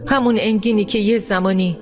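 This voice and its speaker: A woman dubbing a letter writer in a TV drama, reading out a confession as a measured voice-over, with music behind. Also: mid-range voice, steady tone, lightly acted. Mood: confessional.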